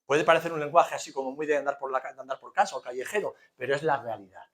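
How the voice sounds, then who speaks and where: A man's voice: medium pitch, rapid-fire, a bit bright. A man with an accent from Spain preaching a conversational sermon as a pastor, using rhetorical questions, emphatic repetition and colloquial humour. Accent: Spanish from Spain.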